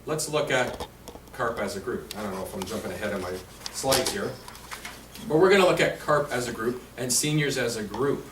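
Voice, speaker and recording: A man's voice: medium pitch, expressive, normal speed. A man giving a conversational insurance talk to a room, quizzing the audience as he goes. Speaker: insurance presenter. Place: meeting room at a seniors' residence. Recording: roomy, distant, faint hiss.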